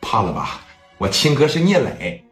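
A man's voice: mid-range voice, sing-song, normal speed, fairly bright tone, reverberant, soft background music. A man voicing a young woman in a spoken story, pleading, then boasting about her older brother. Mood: boastful.

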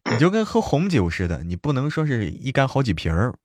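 Male co-host, chatty and animated. Lowish voice that swings wildly in pitch, recorded close and dry. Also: brisk, no echo. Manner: animated, chatty, laughs easily. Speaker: co-host, apprentice to the host. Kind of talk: casual livestream chat.

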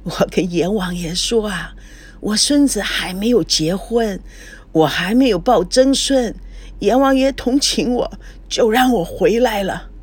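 A frail old grandmother speaks weakly and in halting bits, fond of her family, as a storyteller puts her on. The voice is slightly husky and rises when she is pleased. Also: medium pitch. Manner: weak, halting speech.

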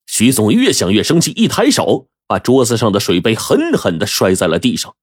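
A man narrating a story in a lively storytelling manner, drawing out sentence endings. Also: on the low side, normal speed, slightly rough, no echo, studio quality.

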